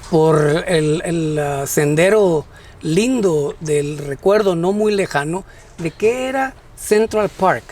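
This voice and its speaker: A man's voice: sits high, a little hiss or hum. A man from Guatemala co-hosting a casual talk show, playful and joking, rambling with many restarts. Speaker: co-host.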